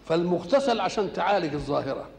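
A man with an Egyptian accent giving a Quran commentary lesson. He recites verses slowly and keeps asking rhetorical questions, then answers them himself. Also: high voice, animated, gravelly, darkish tone, in a large hall. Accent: Egyptian Arabic.

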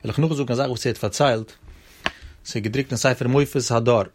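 A man with a Yiddish accent teaching a Talmud class, reading the text in a quick singsong study-hall chant and explaining it. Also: mid-range voice, fairly even intonation, a little hiss or hum.

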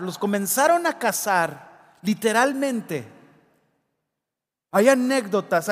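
A man preaching a sermon in a church, passionate and swinging between loud and hushed. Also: high-pitched. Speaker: pastor. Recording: long hall reverb.

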